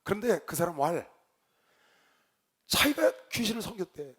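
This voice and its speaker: A male pastor preaching, telling a story with lively swings between loud outbursts and quiet low asides. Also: a little slow, breathy edge. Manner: animated storyteller, shouts quoted lines, drops to low asides. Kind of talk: sermon with storytelling.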